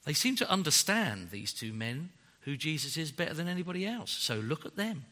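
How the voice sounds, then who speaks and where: A man preaching a sermon in an animated, joking way that is often broken by laughs. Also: on the high side, a little fast, long reverb tail.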